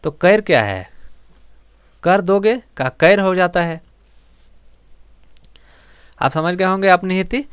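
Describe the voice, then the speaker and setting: A man teaching an exam-prep grammar lesson, explaining step by step and repeating words slowly for emphasis. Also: high-pitched, expressive, a bit bright, smooth, dry recording, studio quality.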